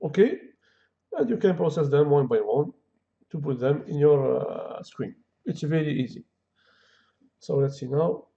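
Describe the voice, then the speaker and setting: A gravelly, expressive man with a high-ish, dark voice gives a casual screen-recorded coding tutorial, recorded lo-fi at home with a dull sound. His first language is Kabyle or Arabic, and he speaks halting non-native English, thinking aloud with many fillers.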